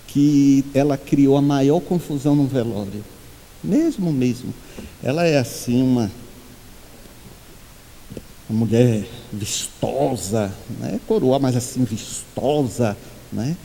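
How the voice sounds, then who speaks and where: A man giving a spiritual talk to a congregation, telling humorous anecdotes and acting out the quoted voices in a high pitch. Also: slow pace, gravelly, long pauses, warm tone, in a large hall, slight background noise. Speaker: spiritual speaker. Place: meeting hall.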